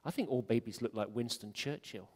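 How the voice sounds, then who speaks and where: A man with a medium-pitched, brisk voice gives a chatty, joking conference talk on web design, full of ums. He is a conference speaker in a conference hall, and the recording carries long hall reverb.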